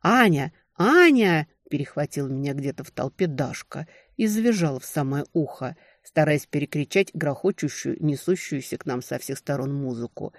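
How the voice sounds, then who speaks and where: A woman narrating a romantic fantasy novel in an expressive storytelling manner. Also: a bass voice, moderate pace, few pauses, no room sound, studio quality. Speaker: audiobook narrator.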